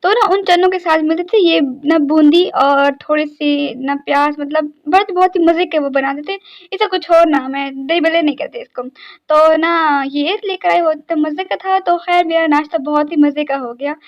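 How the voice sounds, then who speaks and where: A woman's voice: high voice, moderate pace, dull audio. A young woman, narrating her day in a chatty, rambling vlog full of little fillers. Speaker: vlogger. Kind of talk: casual daily-life vlog narration.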